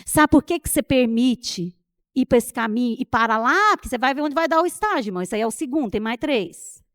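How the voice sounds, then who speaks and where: Brazilian woman preaching at a church retreat, high voice, dry close sound, acts out the stories she tells. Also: fast talker, dry recording. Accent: Brazilian Portuguese. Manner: animated storytelling, acting out dialogue. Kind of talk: sermon with personal anecdotes.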